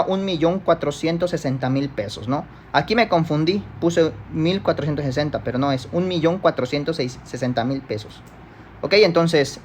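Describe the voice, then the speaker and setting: A man from Mexico with a Mexican accent, teaching a church Bible study lesson from slides in a conversational way, often checking in with listeners and correcting himself. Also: a little high.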